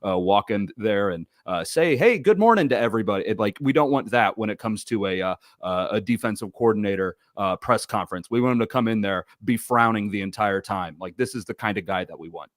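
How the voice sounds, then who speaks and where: A man's voice: lowish voice, a little fast, few pauses, no room sound, studio quality. A man co-hosting a casual sports talk show, rambling with many restarts and fillers. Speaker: podcast co-host.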